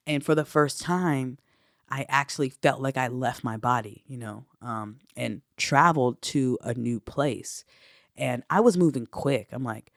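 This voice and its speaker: A man, a spiritual teacher, telling a personal spiritual story in a reflective way, often filling pauses with "you know". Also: medium pitch, no room sound, clean studio sound.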